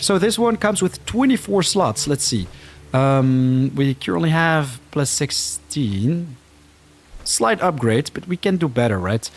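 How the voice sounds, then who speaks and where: A Dutchman with a Dutch-Flemish accent and a mid-range voice chats casually while livestreaming a game. He reacts to what's happening on screen and reads viewers' comments out loud.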